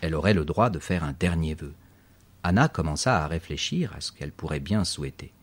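Very deep, husky male narrator. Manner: expressive reading, spells words out slowly. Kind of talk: audiobook narration.

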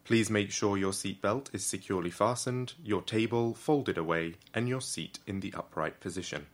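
A man voicing an airline captain who makes a formal, measured cabin announcement in an audiobook. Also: lowish voice, natural voice. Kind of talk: audiobook reading.

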